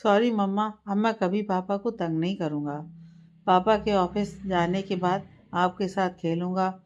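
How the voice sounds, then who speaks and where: A woman's voice: medium pitch, steady tone, measured pace, darkish tone, close to an everyday voice. A woman voicing a sweet, innocent little boy who talks coaxingly to his mother, on a slightly muffled lo-fi recording.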